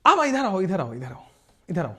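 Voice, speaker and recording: A male chemistry teacher runs a live online lecture. His pitch swings widely as he jokes with his students. He speaks to them warmly and calls them "beta". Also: moderate pace, husky. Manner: animated, joking, talks to students as "beta".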